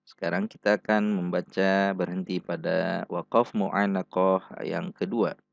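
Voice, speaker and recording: A man teaching Quran recitation rules, speaking slowly and deliberately and repeating each syllable for practice. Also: deep voice, fairly even intonation, creaky, no echo. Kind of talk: tajwid lesson with slow recited examples. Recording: dull dry lo-fi recording.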